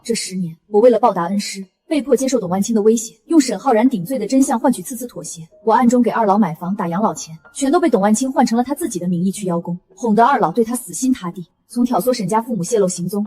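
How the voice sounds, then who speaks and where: A woman's voice: fairly high pitch, lively intonation, fast talker, few pauses, dark tone, breathy edge. An actress playing a guilt-torn young ex-wife who accuses her scheming husband with emotion. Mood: accusing.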